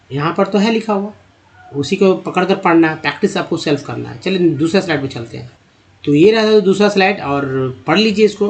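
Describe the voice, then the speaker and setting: A man teaching reading, sounding words out slowly, syllable by syllable, and explaining in Hindi between the words. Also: high voice, poor audio. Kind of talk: slide-based reading lesson.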